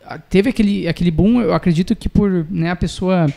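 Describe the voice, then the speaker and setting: In a small indoor podcast studio, a young guest musician with a southern Brazilian gaúcho accent chats casually into a close boom-arm studio mic. His voice sits high, gravelly yet warm, and moves a little fast. He is a young adult.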